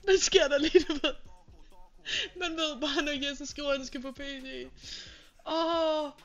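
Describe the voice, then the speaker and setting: High, bright-voiced young woman streamer, teary and laughing. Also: fairly even intonation. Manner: overwhelmed, swearing constantly, laughing through tears. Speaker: livestreamer. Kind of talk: live stream chat.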